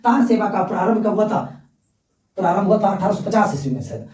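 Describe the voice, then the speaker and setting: A man's voice: high voice, lively intonation, fast talker, a little mellow. A man teaching an exam-prep lesson, who asks questions and answers them himself, repeating key facts. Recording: echoey room, voice from far off mic.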